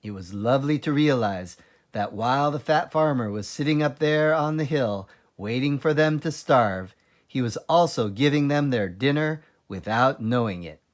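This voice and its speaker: A man's voice: mid-range voice, expressive, moderate pace. A man reading a children's story aloud expressively, in the role of a teacher librarian.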